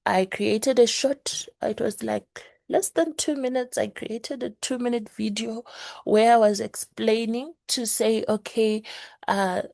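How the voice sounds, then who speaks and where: A woman with a hoarse morning voice giving an earnest motivational class to her team, repeating her key points. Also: a little high, fairly even intonation, unhurried, darkish tone, no room sound. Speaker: network marketing leader teaching a class. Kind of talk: motivational teaching talk.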